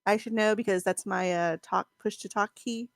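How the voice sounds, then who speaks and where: A woman's voice: mid-range voice, fairly even intonation, normal speed, creaky, no echo, studio quality. A woman in a casual group voice chat, laughing often and swearing freely.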